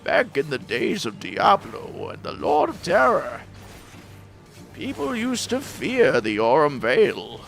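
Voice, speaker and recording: A man putting on a gravelly old-timer, alternating two voices. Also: fairly high pitch, wildly swooping pitch, slow, a bit bright, soft background music, exaggerated voice. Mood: grandiose. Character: old man reminiscing, switching between two elderly voices. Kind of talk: gaming stream aside.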